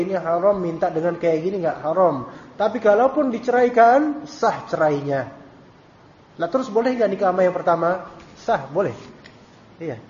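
In a recorded study-circle lecture with Q&A, a man teaching Islam reads questions aloud and answers them casually, with jokes. He has a high, slightly mellow voice, captured in dull lo-fi audio with a faint hiss.

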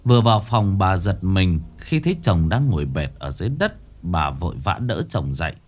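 A man's voice: deep voice, very animated, moderate pace. A man narrating a ghost story in a dramatic storytelling manner. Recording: faint background music.

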